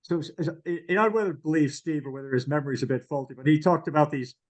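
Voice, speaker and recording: A man hosting an interview as chairperson of a hall of fame, asking questions in a measured, hesitant way. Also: on the high side. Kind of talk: interview over video call.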